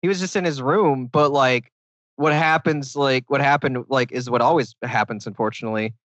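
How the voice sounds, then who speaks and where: A man's voice: medium pitch, normal speed, fairly bright tone, dry recording, highs cut off. Rambling young man telling a story. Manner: rambling storytelling full of "like", slipping into mock English accents. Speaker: podcast co-host. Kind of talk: casual podcast banter.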